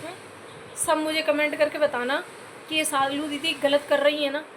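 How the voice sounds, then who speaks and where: A high-voiced woman YouTuber from Uttar Pradesh, India, scolds her viewers in a direct-to-camera commentary, her pitch barely moving and her pace moderate. She keeps addressing them as "bhai" and earnestly pleads for comments, while background noise is audible.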